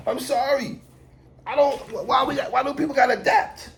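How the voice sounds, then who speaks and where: A man's voice: extremely high pitch, brisk, a bit bright, slight background noise. A man with a New York accent giving casual, opinionated music commentary in an emphatic, repetitive, slangy way, as if talking straight to someone. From New York City. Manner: emphatic, repetitive, slangy, addressing the artist directly. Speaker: hip hop album reviewer.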